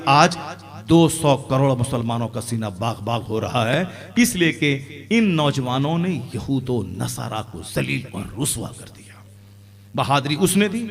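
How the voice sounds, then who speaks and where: A man preaching an impassioned sermon as an Islamic preacher, rising to loud emphatic peaks. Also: on the high side.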